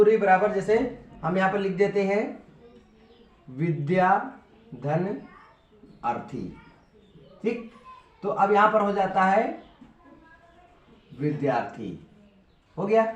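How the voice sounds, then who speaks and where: A high-pitched man teaches a patient, step-by-step grammar lesson at a board and keeps checking that the class follows. He sounds far from the microphone, in a noticeably echoey room. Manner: patient, repetitive, checks in with "ठीक है".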